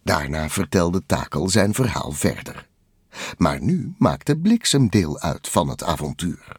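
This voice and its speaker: A man narrating a children's storybook in a lively, expressive way. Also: low-pitched, unhurried, breathy edge, no room sound, studio quality. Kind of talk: storybook read-aloud narration.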